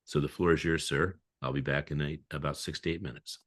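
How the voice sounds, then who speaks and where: A man's voice: a bass voice, fairly even intonation, a little fast. A man hosting an online interview show, joking and jovial as he hands over to his guest. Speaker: show host.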